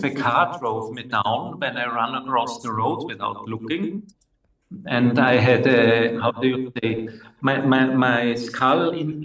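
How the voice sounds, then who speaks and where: An older man from Austria with an Austrian German accent, telling his personal story in a slow, halting way with many pauses. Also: mid-range voice, fairly bright tone. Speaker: interviewee. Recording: echoey room, distant mic.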